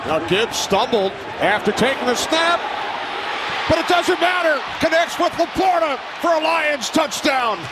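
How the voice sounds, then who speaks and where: A male play-by-play announcer giving an excited, emphatic touchdown call in live football commentary. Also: very high voice, unhurried, very noisy. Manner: emphatic, shouted calls at big plays. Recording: loud stadium crowd roar behind voice. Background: roaring football stadium crowd.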